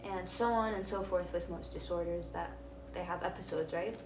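A woman's voice: fairly low pitch, steady tone, normal speed. A woman co-hosting a casual podcast chat, rambling with many fillers and reading aloud from her phone. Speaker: podcast co-host. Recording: roomy and distant, noisy.

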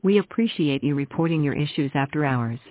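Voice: medium pitch, lively intonation, fairly quick, a little hiss or hum. Recorded phone menu voice on tinny line.

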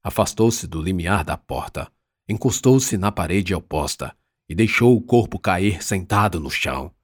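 A man narrates an audiobook with measured, dramatic pacing. His voice sits low and has a husky texture. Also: expressive, no echo, clean studio sound. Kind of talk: scripted narration.

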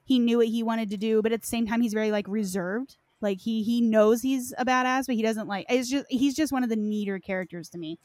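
A woman with a fairly high, slightly mellow voice talks fairly quickly and with few pauses, recorded dry. She's chatting casually about game lore on a podcast, phrasing things loosely and hesitantly with lots of "like" as filler.

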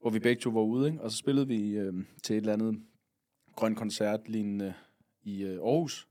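A man's voice: on the low side, fairly even intonation, mellow. A man from Funen telling a long story as a podcast guest, rambling along with lots of fillers and casual swearing. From Funen, Denmark.

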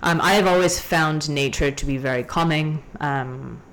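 A young woman from Hong Kong telling a story in a casual podcast chat, ranty and animated. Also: deep voice, moderate pace. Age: young adult. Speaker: guest.

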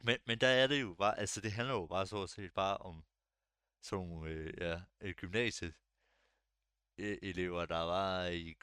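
A young man chatting casually on a podcast, relaxed and hesitant, with lots of fillers and restarts. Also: low-pitched, smooth, no echo, studio quality. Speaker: podcast co-host. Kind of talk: casual chat.

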